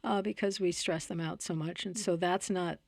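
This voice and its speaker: Gravelly low-voiced woman explaining. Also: normal speed, no echo, clean studio sound. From United States. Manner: explanatory, lively storytelling with filler restarts. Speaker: researcher guest. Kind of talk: conversational interview.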